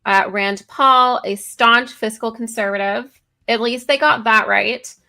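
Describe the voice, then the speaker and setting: A woman's voice: on the high side, steady tone, a little slow, vocal fry, pushed and bright. A woman co-hosting a casual political talk show, reading news articles aloud with many fillers and self-corrections. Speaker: co-host.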